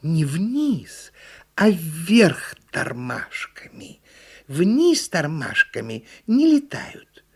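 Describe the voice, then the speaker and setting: A man voicing a wise little turtle, raised voice, firm, lecturing, slow, storybook. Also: fairly high pitch, sing-song, darkish tone, husky, voice pushed up, heavily acted. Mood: instructive. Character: small wise female turtle, calm, know-it-all.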